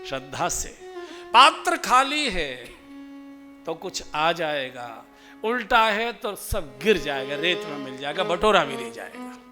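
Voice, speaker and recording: High-voiced preacher man, slow sermon. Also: sing-song, music in the background. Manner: sing-song preaching with slow, stretched phrases. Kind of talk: devotional sermon.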